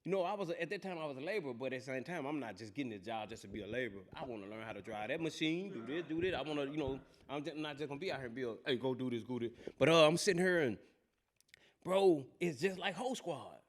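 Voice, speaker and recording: A man with a fairly high voice hosts a casual talk show. He tells his stories loudly and with animation, in heavy Southern slang. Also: quick pace. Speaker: host.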